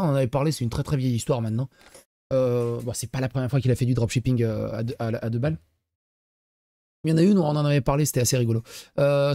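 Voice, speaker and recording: A man's voice: fairly high pitch, dark tone, no echo, clean studio sound. Sarcastic man streaming reaction commentary. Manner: sarcastic, mocking asides; reads chat messages aloud. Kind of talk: casual live-stream commentary.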